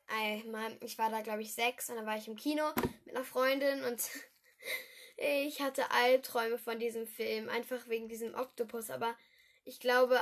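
A teenage girl from Düsseldorf talks on her own casual podcast, her voice pitched high. She rambles and corrects herself, dropping giggly asides. She speaks into a simple home microphone. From Düsseldorf, Germany. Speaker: podcast host. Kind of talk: casual solo film-review podcast.

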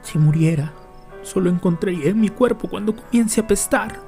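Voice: mid-range voice, moderate pace, warm tone, soft background music, natural voice. An actor playing a bitter young boy in a radio drama. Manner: resentful, then pleading and desperate.

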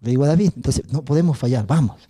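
A man's voice: mid-range voice, husky. A man with an Ecuadorian Spanish accent, a coach telling a story in an interview, acting out the dialogue. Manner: acts out dialogue, laughs often, quick and lively. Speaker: athletics coach.

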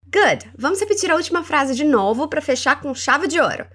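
A woman with a Brazilian Portuguese accent hosting a language lesson podcast. She is encouraging and slows down to model English words for the listener to repeat. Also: high voice. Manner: animated and encouraging, models words slowly for repetition. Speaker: English teacher and podcast host.

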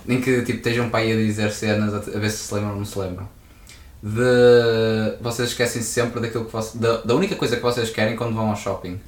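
A man's voice: lowish voice, level tone, fast talker, reverberant. A young man with a European Portuguese accent, chatting casually and acting out little scenes. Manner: explains hypotheticals, acts out little scenes. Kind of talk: casual podcast chat.

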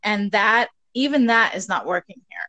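A woman hosting a podcast in casual chat over a video call, relaxed and quick to swear. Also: medium pitch, no echo. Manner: casual, laughs easily, swears. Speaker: podcast host.

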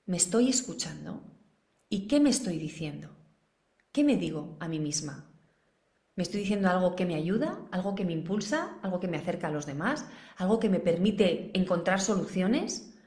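Educadora de crianza española, tono de preguntas retóricas al público, sonido con mucha reverberación. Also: female voice, lowish voice, very animated, moderate pace, a little mellow. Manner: asks the audience many rhetorical questions. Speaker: parenting educator. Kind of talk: live online masterclass. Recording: roomy echo.

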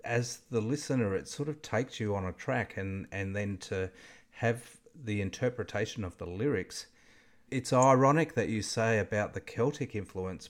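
A man, hosting a podcast and asking long, winding questions. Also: fairly low pitch. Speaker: podcast host. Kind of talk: casual interview.

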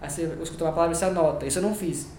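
A Brazilian man talks quickly in a casual podcast chat, his voice sitting a bit higher than most men's. He rambles, restarts sentences and hunts for words. The room rings with strong echo and a faint hiss. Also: a little mellow. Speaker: guest.

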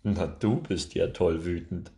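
Man doing a calm patient dog. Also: low voice, a little slow.

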